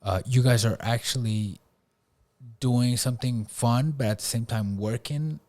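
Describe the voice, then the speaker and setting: A man's voice: mid-range voice, a little slow, warm tone. A man hosting a podcast in a casual chat, laid-back and tagging his points with "bro" and "right?". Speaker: podcast host.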